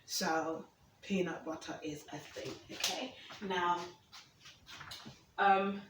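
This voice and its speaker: A woman's voice: fairly low pitch, fairly even intonation, slow pace, background noise. A woman from Uganda chatting casually in her kitchen while she preps food, often checking in with "okay?". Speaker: cooking vlogger. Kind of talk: casual cooking chat. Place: home kitchen. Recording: roomy, distant camera mic, faint ambience.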